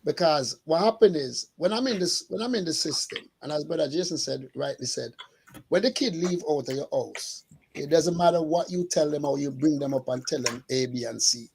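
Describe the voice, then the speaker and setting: A middle-aged man, a school custodian telling lively stories in casual chat and acting out the dialogue. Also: on the high side, moderate pace, vocal fry, a little hiss or hum. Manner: animated storyteller, acts out dialogue.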